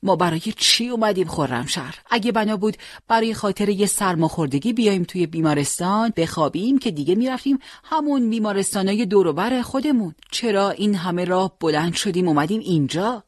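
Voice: medium pitch, expressive, dry recording, voice pushed up, close to an everyday voice. A storyteller voicing an old grandfather who volunteered for the front, earnest and stubborn, in a dry recording.

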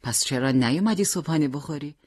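A reader voicing a troubled, caring young man who gently deflects his mother's questions, in an audiobook character reading. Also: medium pitch, animated, no echo, clean studio sound, lightly acted. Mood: kindly.

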